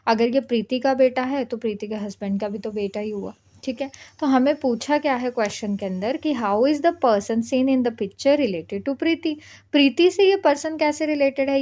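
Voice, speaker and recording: A woman's voice: a little high, darkish tone. A woman teaching an exam-prep reasoning lesson, explaining step by step and often checking in with "okay". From India. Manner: patient, repeats "ठीक है" to check understanding.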